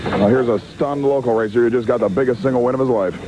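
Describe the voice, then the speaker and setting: A man reporting from the pits at a drag race in a brisk sports-report style, heard on old worn tape. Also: mid-range voice, a crowd in the background. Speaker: pit reporter. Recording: muffled worn-tape sound with loud background noise.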